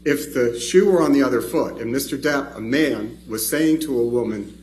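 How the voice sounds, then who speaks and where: A man's voice: mid-range voice, moderate pace, darkish tone, slight background noise, low-quality recording. Attorney's courtroom recording, emphatic man. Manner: emphatic, indignant, repeats words when pressing a point. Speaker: trial attorney. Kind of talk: formal courtroom argument.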